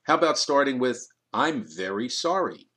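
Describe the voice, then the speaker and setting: A male narrator gives us a blunt, prickly screenwriter. He needles with dry, pointed questions in an audiobook reading. The voice sits at an ordinary middle pitch. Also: very animated, normal speed, a bit bright. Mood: needling.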